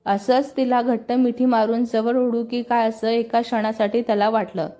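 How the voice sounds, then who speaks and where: Woman storyteller, bit high voice, reads out every character herself, quiet music behind. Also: flat delivery, normal speed. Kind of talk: scripted narration with dialogue.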